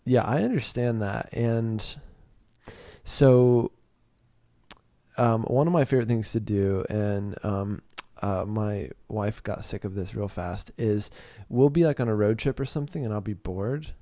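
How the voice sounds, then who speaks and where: A man's voice: fairly low pitch, unhurried, warm tone, dry recording, clean studio sound. A man hosting a podcast, chatting casually and joking with frequent laughs. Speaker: podcast host. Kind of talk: casual chat.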